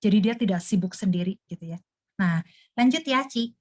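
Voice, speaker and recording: A woman giving a casual marketing talk, chatty and lively, acting out listeners' reactions with quick asides and laughs. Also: medium pitch, no room sound, studio quality. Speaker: marketing trainer. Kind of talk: casual presentation.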